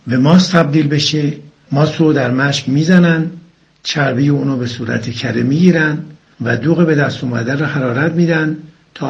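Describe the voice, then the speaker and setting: A man from Iran calling in to explain local food lore, listing items in a slow, careful way. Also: on the high side, gravelly, dull audio. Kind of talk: informative talk over a phone line.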